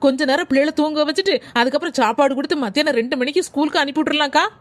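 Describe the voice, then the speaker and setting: A woman's voice: sits high, rapid-fire, a little hiss or hum, close to an everyday voice. A woman playing a busy mother in a family comedy skit, coaxing her children.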